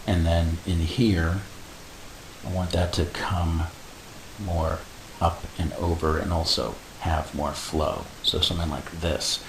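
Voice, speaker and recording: A man explaining animation software step by step in a casual tutorial, adding little sound effects like "boom". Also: little pitch movement, takes it slowly. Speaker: animation instructor. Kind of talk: screen-recorded software tutorial. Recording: echoey room with faint hiss.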